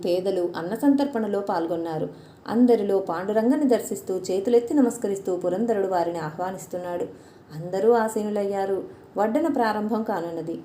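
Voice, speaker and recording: A woman narrating a devotional story in a measured, formal reading style. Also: mid-range voice, dark tone. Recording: roomy echo, faint noise.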